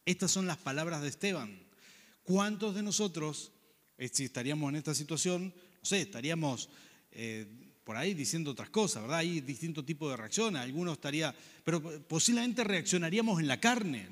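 A man's voice: fairly high pitch, animated, moderate pace, big-room sound. A man preaching a sermon, earnest and conversational, often asking the listeners questions.

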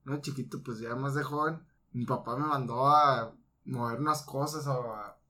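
A man's voice: medium pitch, steady tone, normal speed, pushed and bright. A man with a Mexican accent co-hosting a podcast, reflective and talking casually. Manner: reflective, with many restarts. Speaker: podcast co-host. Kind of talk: casual chat.

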